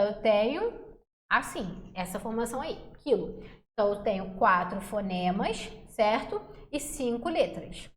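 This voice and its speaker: A high-pitched woman gives a chatty exam-prep lesson, constantly checking in with her students. She sounds out letters and syllables slowly and deliberately. The recording is roomy, with a noticeable echo. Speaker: Portuguese teacher. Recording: echoey room.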